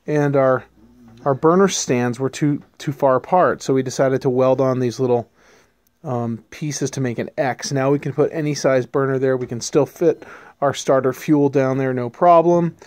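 A man in his thirties hosting a casual homesteading vlog, talking in a relaxed, rambling way with many ums and restarts, recorded on a handheld camera outdoors and in a workshop. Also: mid-range voice, dry recording, studio quality. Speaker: homesteading channel host. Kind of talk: casual hands-on vlog narration. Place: outdoors beside a pickup truck in snow, later a workshop.

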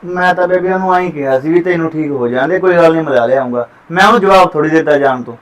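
A man's voice: on the high side, rapid-fire, natural voice. A man playing a dutiful young farmer son. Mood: defensive. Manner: defensive, reassuring. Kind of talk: village family short-film acting.

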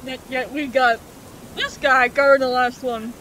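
Woman calling the map over loud noise. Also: high-pitched, steady tone, measured pace. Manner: directs teammates, talks through the map. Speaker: player watching a multiplayer horror game. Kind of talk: casual gaming chat.

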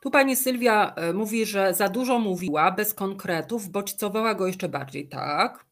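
A woman giving an online training lecture, explaining calmly with fillers, asides and questions to the participants. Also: mid-range voice, moderate pace.

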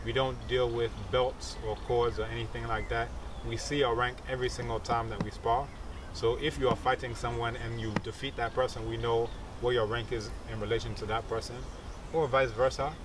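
Outdoors among leafy trees, a man in his thirties who teaches and researches capoeira explains things in an interview. His mid-range voice is flat and brisk, picked up by a distant mic over background noise, and he's didactic, often checking understanding with short tag questions.

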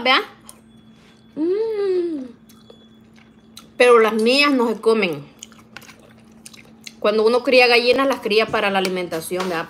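Middle-aged woman, home kitchen vlogger, chatty and folksy, slightly high voice. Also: fairly bright tone. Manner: chatty, addresses viewers as "niñas", frequent "¿verdad?" tags. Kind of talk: casual chat while cooking.

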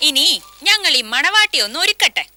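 An actress playing a playful, teasing young wife in a family scene of a TV serial. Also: female voice, very high-pitched, sing-song, moderate pace, bright, forceful tone, faint music behind, exaggerated voice. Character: playful, chirpy young wife and sister-in-law. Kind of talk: TV serial acting.

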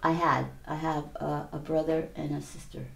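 An older woman from Hawaii, seated before a backdrop in a small indoor studio, shares her life story candidly as an interview guest. Her voice is low with vocal fry and little pitch movement, and she talks in a halting, plainspoken way with many "you know"s. The room sounds echoey.

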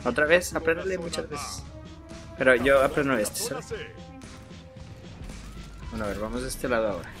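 A woman with a Mexican accent playing a video game alongside a child, coaxing, cheering and yelling at enemies. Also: a bass voice, normal speed, pauses often. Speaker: gaming channel host. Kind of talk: casual gameplay chat with a child. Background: game music.

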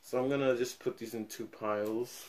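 A man's voice: medium pitch, steady tone, normal speed, a little mellow, slight background noise. A young man giving a casual unboxing review of collectible cards, thinking aloud, his voice fading in and out as he moves around the camera. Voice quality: level drops in and out as he moves. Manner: rambling, thinks aloud while opening packs. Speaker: card collector reviewing a product. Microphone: camera mic, filming at an awkward angle.

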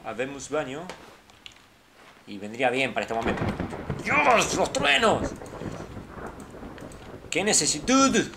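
A gamer with a Rioplatense Spanish accent giving chatty let's-play commentary into a headset mic, dropping to low mutters between startled outbursts. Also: gravelly, fairly bright tone, a little hiss or hum.

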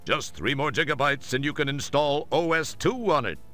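Snarky game narrator, lively sing-song delivery, faint music behind. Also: male voice, fairly high pitch, normal speed. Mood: sarcastic. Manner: sarcastic, dry wisecracks. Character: sarcastic wisecracking male game narrator.

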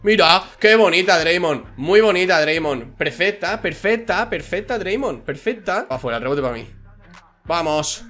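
A man giving excitable gameplay commentary, often shouting and laughing at big plays. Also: high voice, moderate pace, soft background music. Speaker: gaming youtuber.

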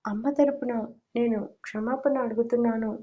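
A woman's voice: fairly high pitch, fairly even intonation, normal speed, dull audio, close to an everyday voice. A woman reading the part of a tearful young woman pleading with her cousin and uncle. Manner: pleading, upset.

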